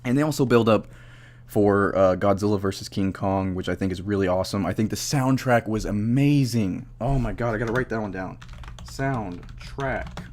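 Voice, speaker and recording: A tipsy young man giving a casual, rambling movie review, halting, swearing freely and losing his train of thought. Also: fairly low pitch, darkish tone. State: drunk, tipsy. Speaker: amateur film reviewer.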